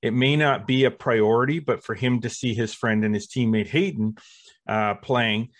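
A man co-hosting a podcast, speaking in a supportive, thoughtful, halting way. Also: mid-range voice, dry recording. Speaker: podcast co-host. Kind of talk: casual podcast chat.

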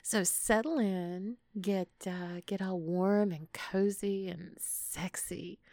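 A woman's voice: medium pitch, steady tone, takes it slowly, a little mellow, dry recording, clean studio sound. A woman hosting a podcast alone, chatting casually and intimately with playful, flirtatious pet names for her listeners. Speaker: podcast host.

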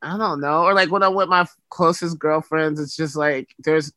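Bright high male voice, androgynous, dry close sound, emphatic, slangy, candid interview chat. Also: moderate pace, no room sound. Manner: animated, emphatic, blunt, slangy; androgynous voice, often taken for a woman's. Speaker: guest, writer.

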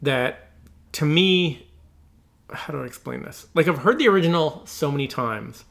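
Gravelly man musing hesitantly on a podcast. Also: a little high, moderate pace, a bit bright. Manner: hesitant, searching for words. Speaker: podcast co-host. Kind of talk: casual chat about music.

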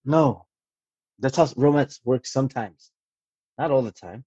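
A man's voice: medium pitch, a little slow, mellow, slightly rough, no room sound, lo-fi sound. A man co-hosting a casual podcast, pushing back in a wry, teasing way. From Washington State. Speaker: podcast co-host. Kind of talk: casual chat.

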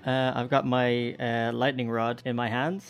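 A man's voice: mid-range voice, flat delivery, unhurried, smooth, soft background music. A man playing a tabletop game, eagerly and vividly describing his character's actions. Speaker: player.

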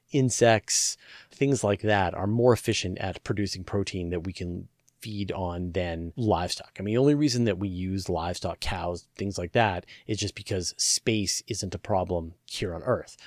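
A man with a lowish voice talks through listener questions in a loose, conversational way. He fills his sentences with "like" and "you know" and drops in playful asides. The sound is dry and close, with no room around it. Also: a little mellow, dry recording. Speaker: host answering listener questions. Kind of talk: casual science Q&A talk.

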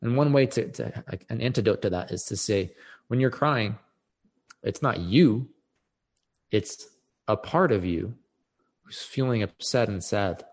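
Reflective male podcast guest, earnest and thoughtful, slightly low voice. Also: lively intonation, measured pace, pauses often. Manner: earnest, reflective, repeats words while thinking. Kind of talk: casual conversation.

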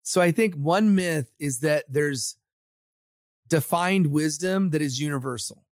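A man's voice: on the high side, measured pace, no echo, studio quality. A man from Samoa, a podcast guest and agency founder, speaking confidently and motivationally in a casual interview.

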